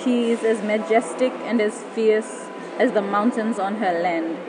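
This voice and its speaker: Casting: woman, Papua New Guinean accent, mid-pitched, pidgin spoken-word poetry, noticeable background noise. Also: steady tone, a little slow.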